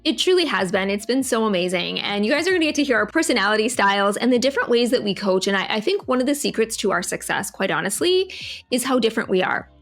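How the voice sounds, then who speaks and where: A middle-aged woman co-hosting a podcast, chatting casually in a reflective, unhurried way. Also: medium pitch, big pitch swings, faint music behind. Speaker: podcast co-host. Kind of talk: casual chat.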